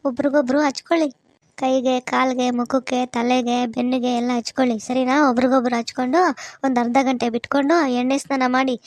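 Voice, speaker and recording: A woman's voice: sits high, darkish tone, dry recording, lightly acted. A woman voicing a bossy village mother in a cartoon who gives instructions and hurries everyone along. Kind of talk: cartoon voice acting.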